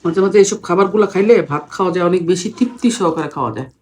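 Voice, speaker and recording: A woman's voice: fairly low pitch, very fast, darkish tone. Bangladeshi woman chatting with her mouth full. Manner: talking with mouth full while eating. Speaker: vlogger. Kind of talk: casual mealtime chat.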